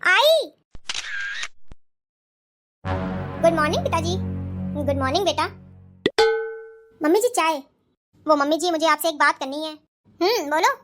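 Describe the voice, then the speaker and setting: A woman's voice: extremely high pitch, lively intonation, moderate pace, pauses often, over music. Woman voicing a pleading young cartoon wife. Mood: worried. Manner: polite, pleading, soft-spoken. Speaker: daughter-in-law. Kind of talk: cartoon voice acting.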